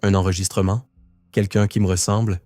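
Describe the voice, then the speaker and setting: A man reads a frightened young woman in a cabin at night, hesitant and anxious, in a horror story. The low, warm voice is close and dry, over faint music. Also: level tone, a little fast, dry recording, close to an everyday voice.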